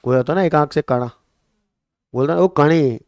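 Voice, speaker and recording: A man's voice: a little high, brisk, no echo. A male coaching-class teacher from Rajasthan with a Marwari-tinged Hindi accent, lecturing with memory tricks and quizzing his students. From Rajasthan, India. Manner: lively, repeats questions to students and answers them.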